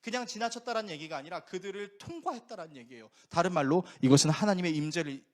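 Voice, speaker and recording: Animated male preacher telling stories. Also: high voice, fast talker. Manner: lively storytelling with rhetorical questions to the congregation. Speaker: pastor. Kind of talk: sermon.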